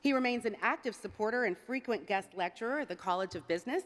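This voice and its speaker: A woman's voice: on the high side, lively intonation, quick pace. A woman hosting an awards ceremony, giving a formal, scripted podium speech in an announcer's style. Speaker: ceremony host. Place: large event hall on stage. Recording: hall reverb from a PA system.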